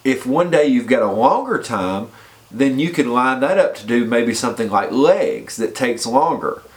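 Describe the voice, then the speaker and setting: A fitness vlogger with a head cold sounds congested as he chats casually to the camera with fitness advice. His medium-pitched voice is animated and at normal speed, and he repeats points and keeps checking in with "okay?"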